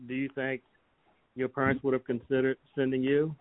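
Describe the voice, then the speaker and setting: An older man works through interview questions in a halting, tentative way. His intonation is flat and his pitch average. The audio is dry and narrow, like a phone line. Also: no room sound. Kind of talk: oral history interview. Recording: thin, phone-like, band-limited sound.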